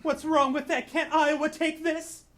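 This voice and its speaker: A man's voice: very high voice, level tone, a little slow, a bit bright. A man playing a sentimental, melodramatic carnival strongman, pleading earnestly in a live improv comedy scene. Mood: earnest, defiant.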